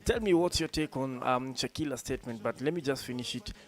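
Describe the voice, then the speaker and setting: A Kenyan man hosting a casual radio talk show, lively and chatty, slipping between English and Swahili slang with many fillers. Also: mid-range voice, a little fast.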